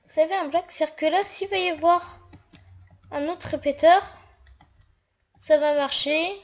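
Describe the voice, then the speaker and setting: A woman's voice: very high voice, normal speed. A woman talking through a casual game tutorial while she builds, hesitant and full of fillers. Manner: hesitant, narrates actions with fillers.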